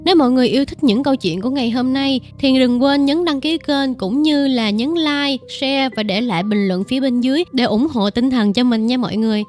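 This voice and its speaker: Lady telling ghost stories, chatty, a bit high, faint music. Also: a little fast, hardly any pauses, darkish tone. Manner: chatty, conversational storytelling. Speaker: storyteller. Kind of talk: casual ghost-story narration.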